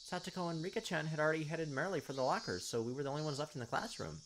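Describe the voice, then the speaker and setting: A gaming video host reads visual novel text aloud at a rapid-fire clip in a medium-pitched, lively voice, tossing casual, playful asides to the characters. Game music plays behind the voice as background noise.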